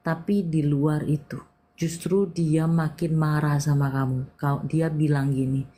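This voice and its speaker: Low-voiced woman palm reader, emphatic. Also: steady tone, unhurried, warm tone. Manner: intimate, calls the listener "sayang"; direct, emphatic counseling. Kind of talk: live-stream palm reading session.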